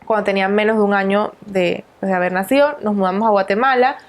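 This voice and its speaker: A woman in her thirties from Venezuela speaks as a guest in an interview, in a medium-pitched voice. She tells her story calmly and in measured steps, with small fillers. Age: 30s. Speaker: guest nutritionist.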